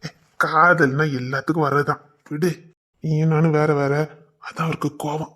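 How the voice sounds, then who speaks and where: A man's voice: on the high side, level tone, moderate pace, a bit bright. A young man, acting a protective, hot-tempered village lover who teases his girl. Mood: tender teasing. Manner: rough, protective, teasing. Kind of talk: web series drama acting.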